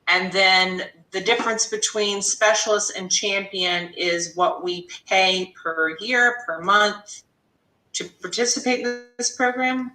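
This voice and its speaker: Lady host recapping points, crisp bright tone, roomy echo. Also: medium pitch, distant mic. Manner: affirming, summarizing questions. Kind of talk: interview chat.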